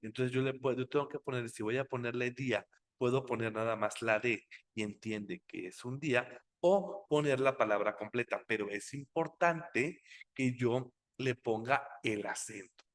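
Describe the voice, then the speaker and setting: A man teaching a software tutorial, explaining slowly and checking in with rhetorical questions. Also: medium pitch. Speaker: software instructor. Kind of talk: screen-recorded tutorial explanation.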